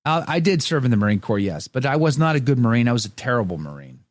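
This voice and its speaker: A man hosts a radio show at a fast clip, chatting casually, reading listener comments and making fun of himself. His medium-pitched voice is sing-song, and he rambles with frequent restarts and fillers. The studio sound is clean, with no room sound.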